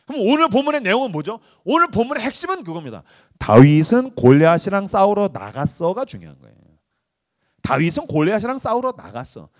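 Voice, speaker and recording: A male pastor preaching to a youth retreat, talking casually, joking and acting out little dialogues. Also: very high-pitched. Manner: animated, acts out dialogues, joking slang.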